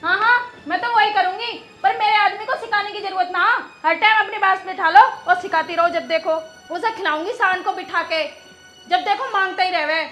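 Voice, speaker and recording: A sharp-tongued village bride. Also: female voice, very high voice, normal speed, soft background music. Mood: resentful. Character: sharp-tongued young daughter-in-law, resentful. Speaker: daughter-in-law. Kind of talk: rural film drama acting.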